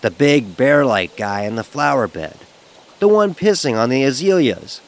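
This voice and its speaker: An actor voices a frightened, sarcastic young fraternity pledge telling his own story in first-person horror audio drama, with music behind him. His mid-range voice is very animated and moves at a normal speed. The narration is wry, vivid and emotionally charged, with an uneasy mood.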